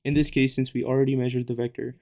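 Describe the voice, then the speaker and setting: Gravelly, dark-voiced young man teaching physics. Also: mid-range voice, quick pace. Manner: relaxed, joking asides, self-correcting. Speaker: physics tutor. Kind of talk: casual whiteboard lesson.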